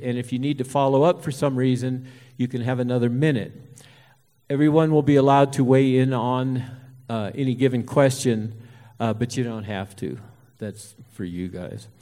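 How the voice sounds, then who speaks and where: A man moderating a local candidates forum in a folksy, halting way, with many pauses and fillers. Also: mid-range voice, warm tone. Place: auditorium hall. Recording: reverberant hall.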